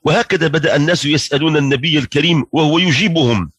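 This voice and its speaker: A man giving a storytelling sermon, narrating in a measured, reverent way. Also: fairly high pitch, a bit bright, breathy edge, no echo. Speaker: religious lecturer.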